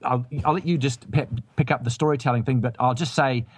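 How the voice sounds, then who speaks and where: A man's voice: medium pitch, steady tone, brisk, slightly rough, no room sound. A man hosting a casual film review chat, rambling and hesitant with many restarts. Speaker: film review show host.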